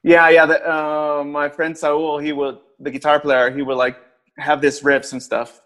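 A man's voice: on the high side, level tone, unhurried, a bit bright. Man rambling in casual chat. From Mexico. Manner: rambling, swears casually, many restarts. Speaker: guest musician.

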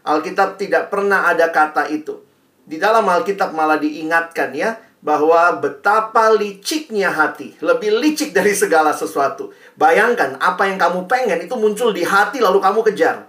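Lively man speaking from far off. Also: high-pitched, normal speed. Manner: lively, slips English phrases into his talk. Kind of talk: speaking to a group. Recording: echoey, mic far away.

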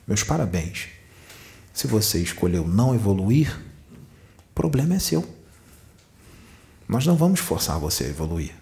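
A Brazilian man speaking with a Rio de Janeiro Portuguese accent delivers a channeled spiritual teaching as a medium, preaching emphatically and firing off many rhetorical questions. His voice is on the low side and a little mellow.

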